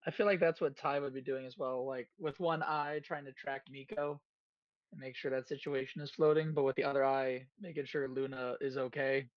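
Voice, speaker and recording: Give me a giggly, animated player at a tabletop game. The recording sounds dull and dry. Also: mid-range voice, fairly quick, no room sound. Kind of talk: tabletop role-play chat.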